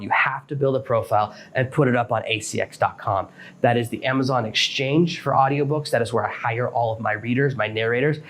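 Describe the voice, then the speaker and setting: A podcast host with a mid-range voice explains things methodically in a casual advice monologue, speaking as a practical, matter-of-fact self-employed author. There's slight background noise.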